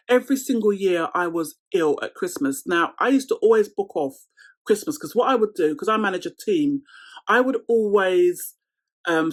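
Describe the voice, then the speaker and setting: A woman in her thirties from London with a London accent, chatting casually to camera in a Q&A vlog and laughing often. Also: lowish voice. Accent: London English. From London, England. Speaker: vlogger.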